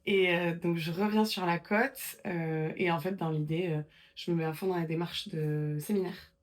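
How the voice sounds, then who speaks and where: Une femme qui raconte son parcours en interview, sur un ton de conversation détendue, avec beaucoup d'hésitations et de reprises. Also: female voice, on the low side, steady tone, moderate pace. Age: 20s. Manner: chatty storytelling, many fillers and restarts. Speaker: guest. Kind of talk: casual interview chat.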